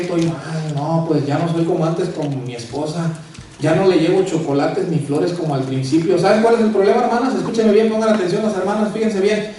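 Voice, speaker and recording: High-voiced pastor preaching in an echoey church. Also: male voice, a little mellow, a little hiss or hum. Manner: addresses congregation as brother and sisters, acts out quotes. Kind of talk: sermon. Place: church sanctuary. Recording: echoey room, voice from far off.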